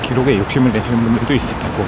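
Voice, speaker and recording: A man's voice: medium pitch, steady tone, racing, very noisy. A man talking to his viewers while running, in a casual vlog monologue broken into short phrases. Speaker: running content creator. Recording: music over outdoor recording. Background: music.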